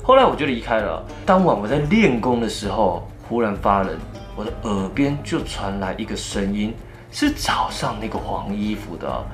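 A man with a Taiwanese Mandarin accent tells a first-person ghost story, his pitch swinging widely as he acts out each scene. Faint music plays underneath. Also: moderate pace. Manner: animated storytelling, acting out the scenes.

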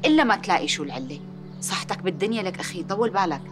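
A woman playing a coaxing Syrian aunt, quick and soothing. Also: lowish voice, expressive, music in the background, close to an everyday voice. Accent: Syrian Arabic. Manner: placating, soft-spoken, coaxing. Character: soothing, coaxing aunt and sister, sweet-talking. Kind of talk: TV drama acting.

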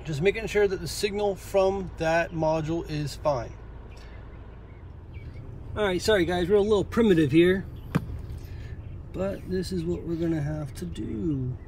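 High-voiced man explaining car repair. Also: unhurried, pauses often, darkish tone, a little hiss or hum. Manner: plainspoken, explains step by step. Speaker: auto technician. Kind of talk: casual how-to narration. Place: inside a parked car outdoors.

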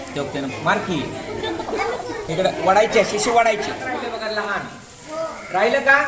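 A man's voice: high-pitched, lively intonation, moderate pace, a crowd in the background. A male school teacher patiently demonstrating a craft to his class, repeating each step and calling the pupils to watch. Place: echoey classroom. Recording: roomy classroom echo.

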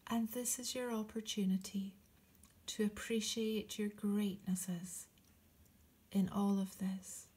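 A female meditation guide speaks very slowly in a soft, breathy voice that often slips close to a whisper. Gentle and soothing, she leaves long pauses between short, encouraging phrases. Her pitch is medium and barely moves.

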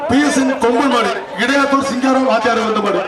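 A man with a Tamil Nadu accent giving excited live event commentary over a loudspeaker, shouting repeated calls and urgings as announcer. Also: very high voice, quick pace. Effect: amplified through loudspeaker PA. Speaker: live event announcer at a bull-taming contest. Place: outdoor arena with loud crowd behind. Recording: echoing outdoor PA, distant, loud crowd.

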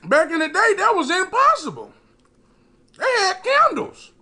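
A man, giving an emphatic, preacher-like motivational talk with dramatic pauses while chewing food. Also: very high voice, wildly swooping pitch, sharp tone. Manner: chewing and eating while talking. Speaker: mukbang eating-show host. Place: small indoor room.

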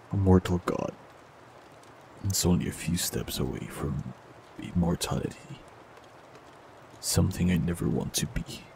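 A scripted fantasy audio roleplay is voiced by a man whose very deep, gravelly tone stays calm, gentle and softly teasing up close to the mic. The recording is low quality, with a faint hiss underneath.

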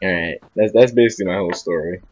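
A man's voice: low voice, fast, highs cut off, slight background noise. A young man telling a rambling story in casual chat, repeating "I'm like" and laughing at himself. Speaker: podcast co-host.

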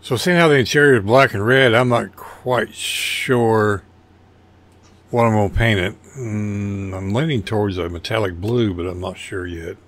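A man's voice: lowish voice, a little slow, fairly bright tone. An older man casually narrating his model car build over photos, rambling and folksy with a self-deprecating humor.

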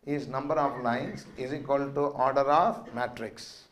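A man's voice: mid-range voice, steady tone, measured pace, fairly bright tone, a little hiss or hum. A middle-aged man with a South Indian accent lecturing a maths class, repeating phrases for note-taking and quizzing students. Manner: quizzing, prompting questions to students. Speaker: maths teacher.

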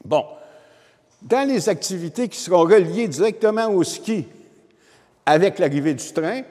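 Holding a microphone, a historian in his seventies with a Quebec French accent explains history to his audience in an informal public lecture, talking to them directly. His voice is high-pitched and expressive with a darkish tone, at a measured pace. The wood-panelled room lends a reverberant hall quality.

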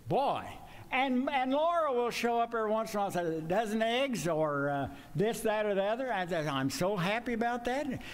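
Older male preacher, slightly high-pitched, folksy and conversational, speaking from the pulpit into a stand mic. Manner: folksy, conversational, pitch swings up when emphatic. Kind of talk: sermon. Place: church sanctuary with pews.

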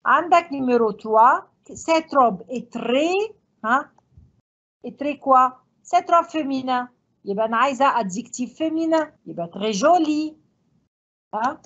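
A woman French teacher with an Egyptian accent, reviewing for an exam and mixing French with quick Arabic explanations. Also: high-pitched, animated, fairly bright tone, muffled recording.

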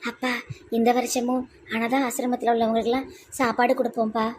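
A woman playing a high-voiced pleading young daughter. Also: level tone, brisk, slight background noise, close to an everyday voice. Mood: sad. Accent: Tirunelveli Tamil. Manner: soft, pleading.

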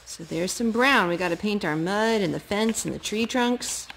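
Filming on a handheld phone in her wood-floored living room at home, a woman chats casually with small children and narrates a craft in an encouraging, sing-song manner for a children's craft video she hosts as a parent. Her voice is medium-pitched, gravelly, and a bit bright at a moderate pace. The audio is poor, with a little hiss or hum.

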